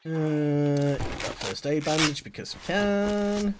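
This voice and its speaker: A man's voice: on the high side, slow. A man streaming a game live, chatting loosely and goofily to his audience from a home setup. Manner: chatty and goofy, rambling to chat. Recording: steady background noise.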